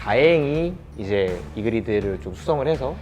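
A man's voice: mid-range voice, expressive, moderate pace, music in the background. A man in his twenties, a racing driver guest, answering earnestly and a little reservedly. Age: 20s. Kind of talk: casual interview answers.

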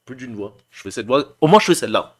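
A man's voice: mid-range voice, expressive, fast talker. A man casually talking about his voice acting, chatty and hesitant with many fillers. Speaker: voice actor showing his work. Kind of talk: casual demo talk.

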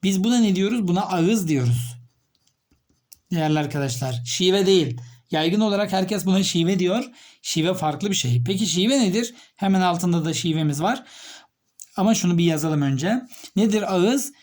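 A male teacher giving a literature lesson, asking his students questions and repeating key terms slowly as he writes. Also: high-pitched, lively intonation, darkish tone. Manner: explains step by step, repeats key terms while writing; addresses students directly with questions.

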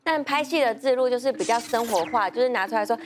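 A woman's voice: fairly high pitch, fast talker, a little hiss or hum. A woman, a guest actress on a studio talk show, telling stories and acting out scenes with bursts of laughter. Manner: animated, acts out scenes with laughter. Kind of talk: lively anecdote telling.

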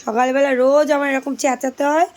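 A hoarse woman in her thirties, a mother vlogging while she scolds her child to wake up and study. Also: sits high, level tone, fast, a little mellow. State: hoarse from daily shouting. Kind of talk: casual family vlog.

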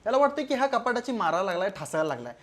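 A man's voice: high voice, very animated, rapid-fire, a bit bright. A man with a Marathi accent delivering a crude, scolding comedy roast commentary.

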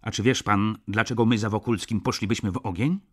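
A man's voice: fairly low pitch, steady tone, fairly quick, husky. A man doing a blunt, hot-tempered clerk. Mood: defiant. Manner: forceful, loud.

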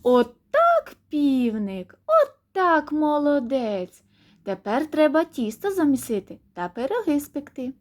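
A woman doing squeaky lazy little mice. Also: very animated, takes it slowly, a little mellow, heavily acted. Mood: squeaky, playful. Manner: high squeaky piping.

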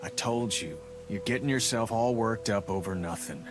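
A tough, blunt middle-aged survivor from a game, played by an actor, speaking in a low voice. Game music plays clearly behind him. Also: male voice, normal speed, lightly acted. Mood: reassuring. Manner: blunt, reassuring. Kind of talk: video game voice acting.

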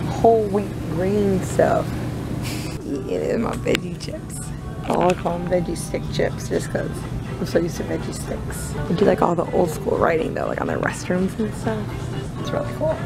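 A woman's voice: lowish voice, poor audio. A young woman, chatting casually and rambling on camera for her vlog, often giggling. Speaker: vlogger.

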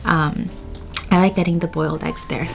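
A woman's voice: on the low side, steady tone, normal speed, vocal fry, over music. A woman in her twenties vlogging in a small hotel room, tired and with a sore throat, chatting casually and laughing often. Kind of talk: casual vlog chat.

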